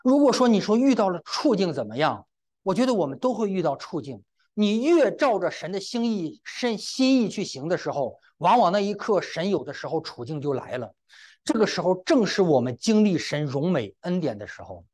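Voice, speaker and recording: Man, middle-aged, preacher, sermon, very animated intonation, exclamatory, speaks straight to the congregation. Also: high voice, a little fast. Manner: exclamatory, often breaks in with "wa", addresses the congregation directly. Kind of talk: sermon with personal testimony.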